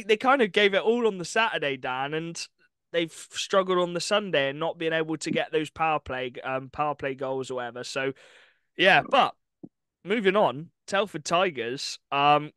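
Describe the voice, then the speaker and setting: A young man co-hosting a podcast in casual, enthusiastic sports chat, with quick asides and laughs. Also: a little high, lively intonation, a bit bright, smooth, no room sound. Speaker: podcast co-host.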